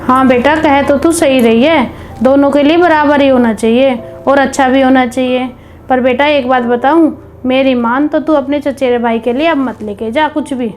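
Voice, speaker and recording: A woman playing a caring mother-in-law who gently advises her daughter-in-law in a family drama. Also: high voice, steady tone, normal speed, natural voice. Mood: advising. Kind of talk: scripted home video family drama. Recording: background music under dialogue.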